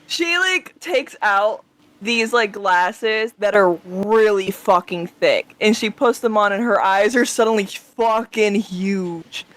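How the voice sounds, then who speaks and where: A woman's voice: medium pitch, takes it slowly, a bit bright. A woman running a tabletop game as game master, narrating in a casual, improvised way.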